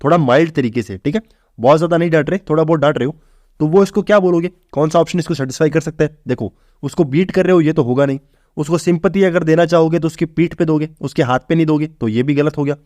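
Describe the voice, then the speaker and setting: Speaking at a quick pace, a man with a fairly high, slightly mellow voice runs a casual English vocabulary class aimed at exams. The studio sound is clean and free of echo, and he explains things step by step, asking and then answering his own questions while calling students "bhai."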